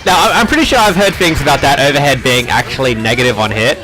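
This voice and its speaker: A man's voice: mid-range voice, fast talker, over music, rough recording. Laid-back slangy male game commentator. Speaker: esports commentator. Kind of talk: casual co-commentary.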